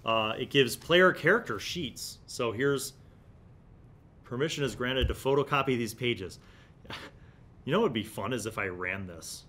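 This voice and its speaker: A middle-aged man, host of a tabletop gaming review series, speaks casually into a desk microphone in a small indoor studio. His mid-range voice is expressive, pushed and bright, at a measured pace with frequent pauses. He muses in stop-and-start phrases and reads excerpts aloud.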